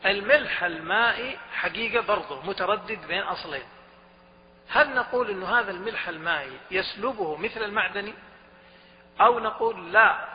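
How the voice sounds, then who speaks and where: High-voiced man teaching in an echoey hall. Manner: quizzes the students often and repeats points. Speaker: religious studies teacher. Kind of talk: classroom lecture on Islamic jurisprudence. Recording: dull recording with a long hall reverb and faint hum.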